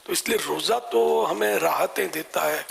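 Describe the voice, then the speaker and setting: An older man answering religious questions in a folksy, conversational way, quick to laugh. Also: on the high side, gravelly, a bit bright.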